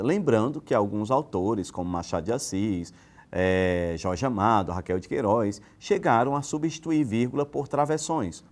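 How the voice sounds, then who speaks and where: A man from Brazil giving a recorded grammar lesson, explaining with rhetorical questions and lively swings in pitch. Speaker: teacher.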